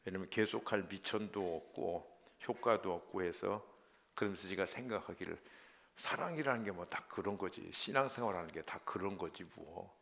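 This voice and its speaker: A middle-aged man preaching a sermon as a pastor, emotional, moving from loud pleas to hushed whispered prayers. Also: sits low, moderate pace, creaky.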